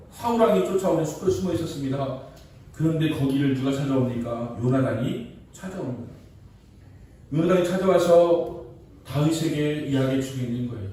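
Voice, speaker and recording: A man's voice: mid-range voice, dark tone. A male pastor preaching a sermon, telling a story and building to emphatic repeated questions. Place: church sanctuary. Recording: distant mic in echoey church with faint background noise.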